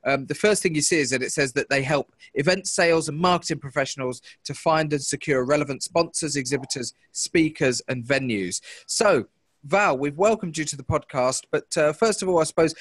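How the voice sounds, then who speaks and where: A man's voice: a little high, a bit bright, no room sound. A man hosting a podcast, introducing and questioning his guest with many hesitant fillers. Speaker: podcast host. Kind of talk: podcast interview.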